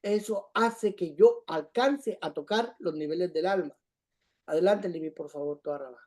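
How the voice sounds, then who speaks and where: A Bible study teacher explaining scripture, repeating points and often checking in with a quick "right?". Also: medium pitch, darkish tone. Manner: repetitive, checks in with "¿sí?".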